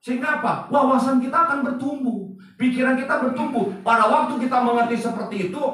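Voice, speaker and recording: Man preaching, high lively voice, rhetorical questions, echoey church hall, heard from afar. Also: fast, recorded from a distance, soft background music. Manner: lively preaching, mixing casual slang, rhetorical questions to the congregation. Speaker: pastor. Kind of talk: sermon. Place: church service.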